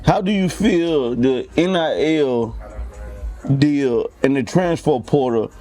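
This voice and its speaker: A man's voice: mid-range voice, takes it slowly, warm tone, faint music behind. A man interviewing a guest on a casual podcast, playful and teasing.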